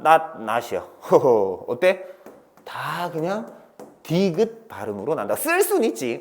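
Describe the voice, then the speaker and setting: A male teacher giving an online grammar lecture to students, asking questions and answering them himself in a playful, chatty way. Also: fairly high pitch. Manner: lively, asks and answers his own questions, playful sound words.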